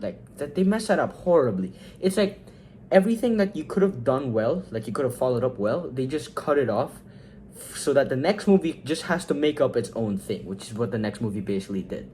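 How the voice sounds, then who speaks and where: Young male vlogger, casual rambling review, excitable spikes, faint background hiss. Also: medium pitch. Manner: rambling, fillers and quoted reactions, swings up when excited. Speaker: movie ranking vlogger.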